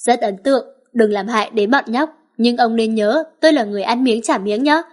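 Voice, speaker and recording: A woman's voice: a little high, a little fast, lightly acted. A woman reading the lines of a stern, protective young father giving curt orders. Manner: curt, commanding.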